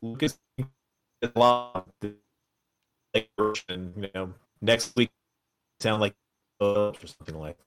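A man's voice: on the low side, takes it slowly, long pauses, fairly bright tone, faint music behind. A man chatting casually as a co-host over a video call, his audio glitching and warbling as it breaks up. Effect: glitching, warbling internet call audio. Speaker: co-host joining remotely. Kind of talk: casual chat.

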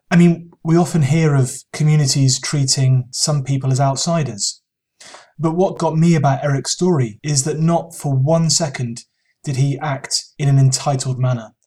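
A man's voice: mid-range voice, a little mellow. Earnest male podcast host. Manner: earnest, measured, thoughtful. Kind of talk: interview and reflective monologue.

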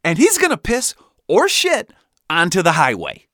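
A man voicing a stressed middle-aged dad who shouts loud commands from behind the wheel, pitched well above his own voice. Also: huge pitch swings, moderate pace, dry recording, studio quality, full character voice. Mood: barking.

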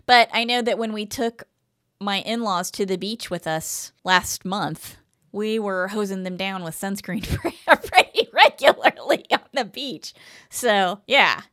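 A woman in her fifties co-hosts a podcast, chatting casually and reading quotes from articles aloud before commenting on them. Her mid-range voice is animated, a little slow, and slightly bright, captured cleanly in a studio with no room sound.

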